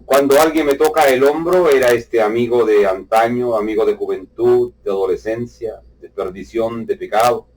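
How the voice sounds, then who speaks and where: A man preacher giving a personal testimony sermon, fervent, swinging between loud outbursts and hushed, quiet passages. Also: medium pitch, fairly even intonation, normal speed, hardly any pauses, recorded from a distance, low-quality recording.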